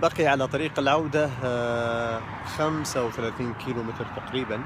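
A man in his thirties narrating a cycling vlog in a measured, halting way with pauses, recorded outdoors on a phone. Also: medium pitch, fairly even intonation, noisy background. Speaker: cycling vlogger. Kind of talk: casual reflective vlog narration. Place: outdoors along open roads and desert at night and dawn. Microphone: phone at arm's length.

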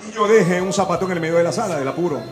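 Fast, high-voiced Venezuelan comedian. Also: male voice, music in the background. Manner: crude, animated storytelling with acted-out quotes. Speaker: stand-up comedian. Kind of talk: stand-up comedy. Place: live comedy venue with audience.

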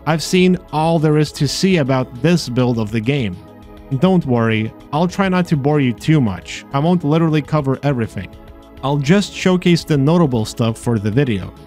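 A man's voice: fairly high pitch, animated, normal speed, a little mellow. A man narrating a scripted voice-over about a video game, with dry, sarcastic asides. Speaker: video host exploring games. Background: faint game music.

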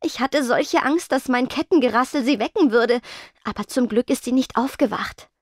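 A woman voicing a shy, nervous teenage ghost girl who speaks softly and stammers. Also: a little high, moderate pace, no room sound, studio quality, pitched above the performer's own voice, natural voice. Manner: soft, stammering, timid.

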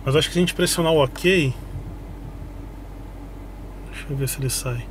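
A Brazilian car reviewer with a fairly high voice and moderate pace vlogs casually among parked cars in an outdoor lot. He thinks aloud informally while examining them, with clear car and outdoor ambient noise in the recording.

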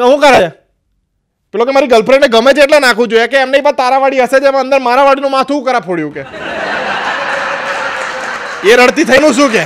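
Fast, high-voiced Gujarati comic. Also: male voice. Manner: animated storyteller acting out quoted voices. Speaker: stand-up comedian. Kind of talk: stand-up joke telling.

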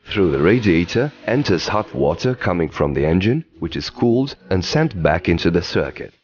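A man giving scripted documentary narration in an even, explanatory delivery, recorded as a studio voice-over. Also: low-pitched, moderate pace, breathy edge, dull audio.

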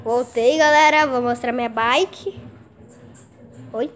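A woman, casually vlogging at home, excitable and swearing freely. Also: fairly high pitch, slow.

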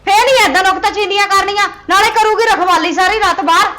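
A sharp-tongued Punjabi daughter-in-law, played by a woman, with a very high voice and a bright, cutting edge. She scolds and dismisses the old mother in this family drama. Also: fairly even intonation, fast talker.

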